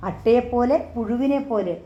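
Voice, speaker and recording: A woman voicing a grown daughter who speaks in a firm, measured, accusing voice. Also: a little high, roomy sound, muffled recording, lightly acted. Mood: bitter, firm.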